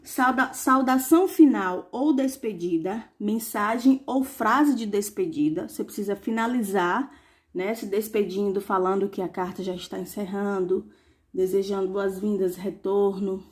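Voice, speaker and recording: A woman teacher reviewing a lesson for young pupils, saying examples slowly and asking rhetorical questions. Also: mid-range voice. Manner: slow, clearly spelled-out examples with rhetorical questions.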